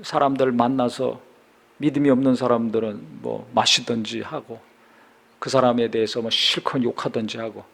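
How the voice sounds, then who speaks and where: A middle-aged man preaching a sermon as a pastor, with a gravelly edge to his voice. He reads scripture aloud, then asks his listeners questions and answers them himself. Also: mid-range voice, fairly even intonation, normal speed, a bit bright.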